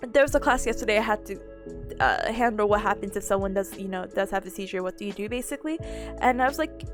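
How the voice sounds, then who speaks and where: A young woman streamer chatting casually on a study livestream in a cute anime-girl voice, giggly, animated and rambling. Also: high voice. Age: young adult.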